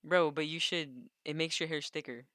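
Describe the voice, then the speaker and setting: Young American man, casual frat-bro podcaster, clean resonant voice with a forceful bright edge. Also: on the high side, little pitch movement, moderate pace, clear, resonant tone, no echo, studio quality. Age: young adult. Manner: frat-bro slangy talk, bro and yeah. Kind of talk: casual podcast chat and storytelling.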